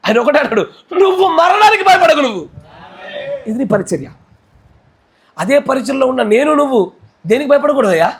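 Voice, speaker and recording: Fervent high-voiced Telugu-accented male pastor. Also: expressive, fairly quick, long pauses. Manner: fervent preaching, swings between shouting and low intensity. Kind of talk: sermon.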